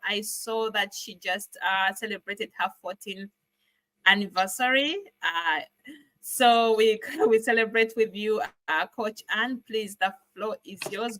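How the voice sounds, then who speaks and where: A woman's voice: medium pitch, pushed and bright, dry recording, low-quality recording. A woman, hosting an online business livestream in an upbeat, welcoming way. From Uganda. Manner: upbeat, welcoming, lots of thank-yous. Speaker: host.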